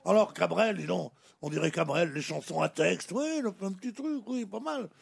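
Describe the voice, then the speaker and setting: A man's voice: sits high, expressive, a little fast, gravelly, breathy edge, faint music behind. An older man, a regular radio panelist, trading grumpy, provocative jokes and laughing as he talks. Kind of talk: provocative comic banter on a radio panel show.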